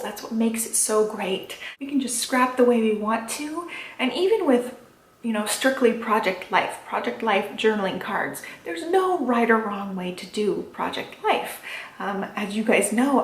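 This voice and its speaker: Quiet-talking woman, higher voice, echoey room. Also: slight background noise. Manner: quiet, held-back talking to avoid waking her baby; encouraging, reassuring. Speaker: crafting channel host. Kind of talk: casual chatty vlog talk.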